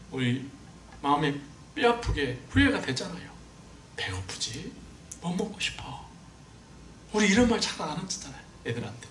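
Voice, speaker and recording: A man preaching a sermon as a pastor, telling stories with animated swings and climbing high when he quotes people. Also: slight background noise. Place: church sanctuary. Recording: echoey church room, mic at a distance.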